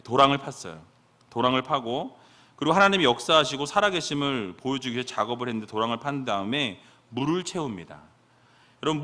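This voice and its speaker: A man's voice: medium pitch, pushed and bright. A man preaching a sermon who keeps asking the congregation rhetorical questions.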